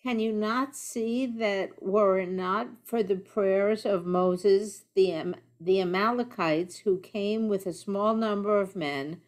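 A woman's voice: medium pitch, slow, hardly any pauses. A woman in a virtual study group, reading a commentary aloud carefully over a video call.

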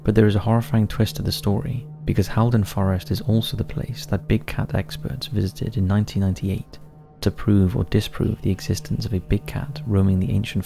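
A man's voice: on the low side, vocal fry. A man narrating a scripted countdown of eerie forest stories in a somber storytelling manner.

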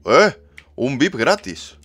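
A young man with a Spain Spanish accent, livestreaming a game in excitable, teasing casual chat. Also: medium pitch, takes it slowly, husky. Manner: excitable, laughs loudly, teasing. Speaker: streamer. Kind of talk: casual live gaming chat.

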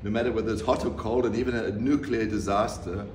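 Reflective man, low voice, roomy distant sound. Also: fairly even intonation, a little mellow. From South Africa. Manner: reflective, measured, with pauses and restarts. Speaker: artist. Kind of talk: interview answers. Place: room with bookshelves, seated in leather armchair. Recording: roomy, distant mic, audible background noise.

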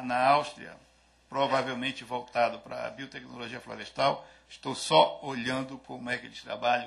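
Older male conference speaker from Brazil, gravelly bright tone, halting delivery, podium mic. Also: medium pitch. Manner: hesitant, many restarts and fillers. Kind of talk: conference talk. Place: lecture hall, at a lectern. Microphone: podium microphone on a stand.

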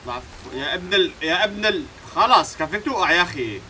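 A man with a Levantine Arabic accent plays through a game and talks over it. His voice is very bright and a little high, and he jumps between muttering to himself and sudden outbursts at the screen. A faint hiss sits under the recording. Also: animated, quick pace, rough recording. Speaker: gaming YouTuber. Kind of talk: let's-play commentary.

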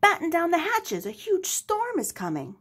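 A woman's voice: very high-pitched, wildly swooping pitch, moderate pace, pitched above the performer's own voice, heavily acted. A woman voicing a mild, bookish young male pirate bunny from a storybook, polite and earnest. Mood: urgent. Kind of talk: storybook character voice.

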